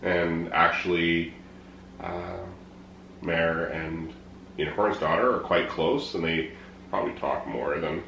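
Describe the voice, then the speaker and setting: A middle-aged man chatting casually, unhurried and understated, with some hesitation. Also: deep voice, steady tone, gravelly, a bit bright, highs cut off. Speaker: vlogger's partner, co-answering questions. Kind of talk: casual chat. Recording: roomy echo, faint background noise.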